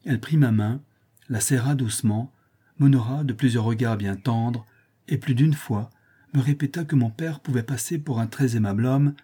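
A man narrating a period novel in the first person as an audiobook, with measured, literary storytelling. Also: mid-range voice, warm tone, husky.

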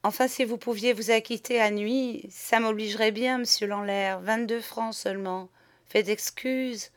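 A man's voice: high-pitched, a little slow, no room sound. A woman voicing a poor, timid old man who speaks humbly and hesitantly, stammering his thanks. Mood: humble. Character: poor, timid old male rose-stock gatherer, humble and grateful.

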